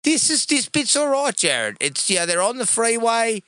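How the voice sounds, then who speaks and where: A man's voice: extremely high pitch, normal speed, clean tone, no room sound. A man, co-hosting a casual movie commentary podcast while getting over a cold, joking and swearing. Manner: animated, swearing, jokey. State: recovering from a cold. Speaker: podcast co-host.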